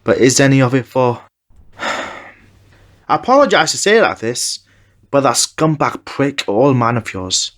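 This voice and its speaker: A woman's voice: very deep voice, animated, a little slow, long pauses, pitched below the performer's own voice. A woman voicing a kindly, plain-spoken man who runs a takeaway, speaking frankly and in a friendly way.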